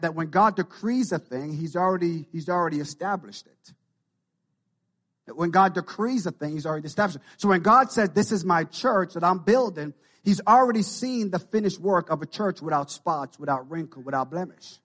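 Speaking at a normal speed, this pastor has a Jamaican Canadian accent and a slightly bright voice pitched a little higher than most men's. His sermon grows in intensity as he returns again and again to key phrases for emphasis.

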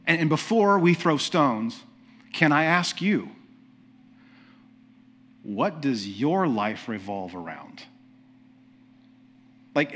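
A man's voice: a little high, a bit bright. A man preaching a sermon in a conversational way, asking the listeners questions and often restarting his sentences. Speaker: pastor.

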